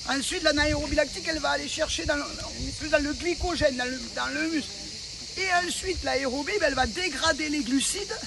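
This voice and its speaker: A man's voice: very high-pitched, fairly quick, gravelly, distant mic, noisy background. A man coaching trainees, explaining energy systems and checking that they follow. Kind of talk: explaining sports physiology to trainees.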